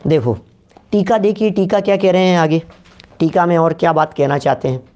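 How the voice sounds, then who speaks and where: Hindi-speaking man giving a religious discourse. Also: high voice. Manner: lively, questioning listeners, reciting scripture slowly. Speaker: Jain scholar giving a discourse.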